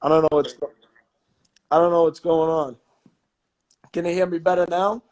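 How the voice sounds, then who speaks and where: A man's voice: a little high, fairly even intonation, moderate pace, darkish tone, poor audio. A man talking as a guest over a patchy internet call that keeps cutting out, rambling restlessly with lots of fillers. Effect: patchy, cutting-out call connection. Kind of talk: casual chat.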